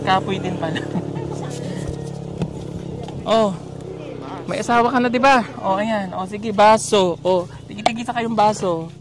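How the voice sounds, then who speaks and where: Speaking in a high, unhurried voice with frequent pauses, a man with a Davao, Mindanao Filipino accent vlogs casually outdoors in a rural village while handing out donations. He jokingly bosses and teases the children. Music plays, and villagers and children chatter around him amid crowd noise.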